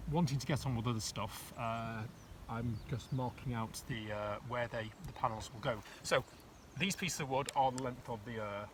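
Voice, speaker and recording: A middle-aged man in a casual do-it-yourself build vlog, with a voice of ordinary middle pitch. He rambles through his work, full of fillers and restarts, and pokes fun at himself. A faint background hiss sits under the camera mic. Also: a bit bright. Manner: rambling, many fillers and restarts, self-deprecating. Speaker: vlogger fitting out a narrowboat. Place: outdoors on a boat roof and inside a boat workshop.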